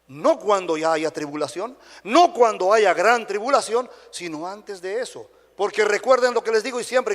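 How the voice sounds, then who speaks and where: A man with a Dominican Spanish accent preaching a sermon to a congregation, often checking in with short questions like "right?". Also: high voice. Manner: animated preaching, frequent tag questions to the congregation. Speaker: pastor. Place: church sanctuary. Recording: long hall reverb.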